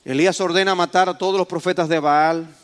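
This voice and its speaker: A man with a notably high voice delivers a sermon. His preaching is dramatic, and his voice swells to loud exclamations. He turns to the congregation with direct questions. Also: steady tone, a little fast, clear, resonant tone.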